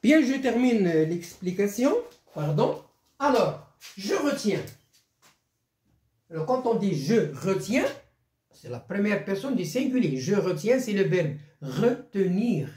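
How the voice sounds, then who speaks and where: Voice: medium pitch, very animated, slow, darkish tone, reverberant. A primary school teacher explaining a grammar lesson step by step and repeating key phrases.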